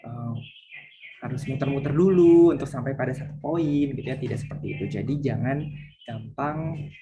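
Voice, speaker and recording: A man's voice: mid-range voice, moderate pace, lo-fi sound, crowd noise. A man lecturing university students, explaining patiently and acting out example phrases.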